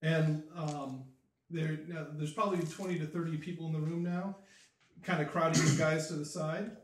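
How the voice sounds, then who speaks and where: Game master, a man with a slightly higher voice, narrating with fillers, echoey room, far mic. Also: fairly even intonation, normal speed. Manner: fillers, vivid scene narration. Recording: roomy, distant mic.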